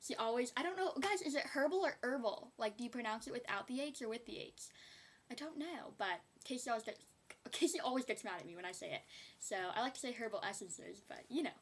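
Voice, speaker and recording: Young woman doing a makeup haul, kinda high voice, rambly and giggly. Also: expressive, fast talker, breathy edge. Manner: chatty, rambling, giggly asides. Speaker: beauty vlogger. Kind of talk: casual haul video chat.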